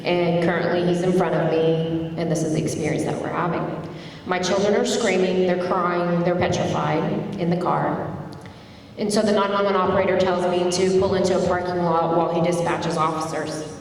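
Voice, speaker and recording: Her pitch is fairly low: a middle-aged Turkish-born speaker from Tulsa, Oklahoma, narrating a personal story at a community dialogue event. She keeps things conversational, livening up as she retells what happened. The hall's echo, the far-off mic and faint background noise are all audible.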